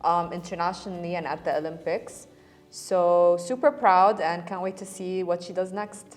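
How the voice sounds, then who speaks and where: A woman co-hosting a casual news chat show, talking in quick bursts with lots of fillers. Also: fairly low pitch, steady tone. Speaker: co-host.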